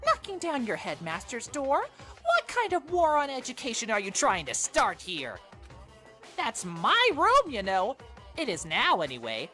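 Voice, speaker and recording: Woman doing a squeaky bratty bear headmaster, touchy, taunting, bright. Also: wildly swooping pitch, a little slow, pauses often, faint music behind, heavily acted. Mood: indignant. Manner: taunting, easily offended. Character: mischievous petty bear headmaster, male.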